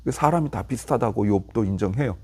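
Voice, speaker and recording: A man's voice: lowish voice, expressive, brisk, a little mellow, breathy edge. A man preaching an early-morning Bible exposition sermon as pastor, explaining the text and rising in emphasis as he paraphrases.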